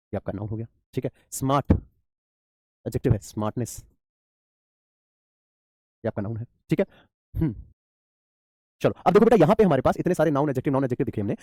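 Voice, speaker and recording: Male English teacher, rapid-fire delivery, mellow tone, quizzes students and answers himself. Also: mid-range voice, no echo, studio quality. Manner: addresses students as beta, asks and answers his own questions. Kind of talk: online grammar class.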